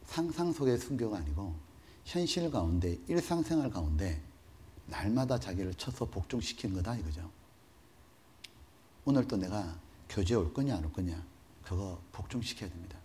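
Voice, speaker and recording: A man's voice: fairly low pitch, a little hiss or hum. A male pastor delivering a sermon, telling stories animatedly and asking the congregation rhetorical questions. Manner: animated, storytelling, mock-dramatic. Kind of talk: sermon with dramatized storytelling.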